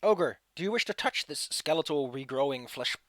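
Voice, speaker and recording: A man's voice: on the high side, animated, moderate pace, fairly bright tone, dry recording, studio quality. A man acting as game master, narrating a tabletop game and bantering with players.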